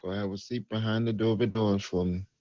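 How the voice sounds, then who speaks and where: A man's voice: fairly low pitch, fairly even intonation, fairly quick. Curt man barking orders on muffled chat. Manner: curt, repetitive commands. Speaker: police recruiter in roleplay. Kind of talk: roleplay game voice chat. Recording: muffled voice chat with faint noise.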